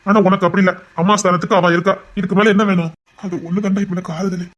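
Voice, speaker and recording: A soft-hearted older brother with a Tirunelveli Tamil accent. He talks quickly and soothingly, his voice catching with feeling. This is a family TV serial scene. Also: high-pitched, little pitch movement, lo-fi sound. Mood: consoling. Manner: gentle, consoling, choked with emotion. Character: tender older brother, a police officer. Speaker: actor in a TV serial. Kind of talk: TV serial acting.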